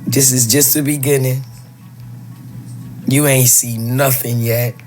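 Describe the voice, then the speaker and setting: A man's voice: mid-range voice, steady tone, takes it slowly, a little mellow, faint music behind. A man giving taunting commentary, mocking his listeners with rhetorical questions. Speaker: social media commentator.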